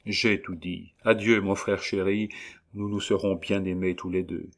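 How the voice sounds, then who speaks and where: A man's voice: low-pitched, level tone, unhurried. A man voicing a despairing young man writing a farewell letter, sorrowful and tender. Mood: resigned.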